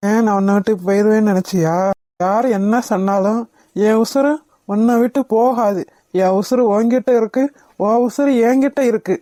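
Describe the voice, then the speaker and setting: A woman's voice: medium pitch, steady tone, moderate pace, dark tone, dry recording, close to an everyday voice. A woman voicing a playful, romantic young husband in a cartoon, coaxing and joking with his wife. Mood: soothing.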